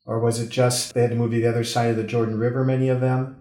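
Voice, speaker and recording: A man's voice: mid-range voice, flat delivery, racing, dark tone, reverberant. A man from the United States hosting a show, asking friendly, inquisitive interview questions. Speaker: radio host.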